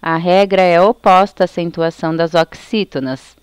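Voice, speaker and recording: Brazilian woman teacher, slow and careful delivery, smooth voice on a dry close mic. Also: on the low side, steady tone, no room sound. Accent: Brazilian Portuguese. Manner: slow, careful explanation, reading out lists. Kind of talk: recorded lesson for children.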